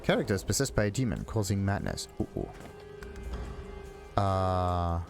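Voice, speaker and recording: This is a gaming video host, a man with a low-pitched voice who takes his time. He thinks out loud through casual let's play commentary while game music runs underneath.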